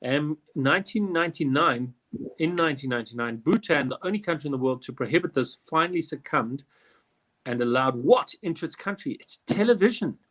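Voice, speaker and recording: A man's voice: fairly high pitch, lively intonation, brisk, fairly bright tone. A man, hosting a live online quiz in a chatty, rambling way with jokey asides. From South Africa. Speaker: quiz host. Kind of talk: casual live quiz chat.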